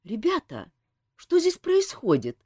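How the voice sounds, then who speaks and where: A woman voicing a hot-tempered young woman who yells and swears bluntly. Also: high voice, huge pitch swings, normal speed, dry recording, studio quality, voice pushed up, heavily acted. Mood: puzzled.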